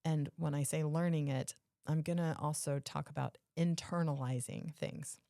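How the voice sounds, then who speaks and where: A woman's voice: low-pitched, fairly even intonation, normal speed, gravelly, mellow, no echo, clean studio sound. A woman co-hosting a podcast, explaining her points casually and emphatically, often rephrasing them. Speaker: podcast co-host.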